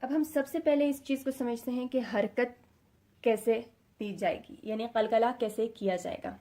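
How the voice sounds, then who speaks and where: Addressing her students, a fairly high-voiced woman with a darkish tone and a Pakistani Urdu accent explains a recitation lesson point by point with patience. She demonstrates by sounding out short syllables, and English words slip in now and then.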